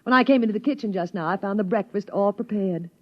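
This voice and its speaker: An actress playing a practical, coaxing, determined housewife in a 1950s radio drama, brisk and persuasive, on a muffled old recording. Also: female voice, medium pitch, close to an everyday voice. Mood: cheerful, coaxing.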